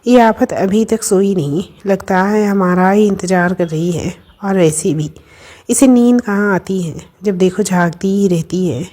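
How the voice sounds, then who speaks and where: A woman's voice: medium pitch, a little slow, dark tone, close to an everyday voice. A woman voicing a timid, tired young working woman who jokes shyly with her friend. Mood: chatty. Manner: shy, playful with her friend.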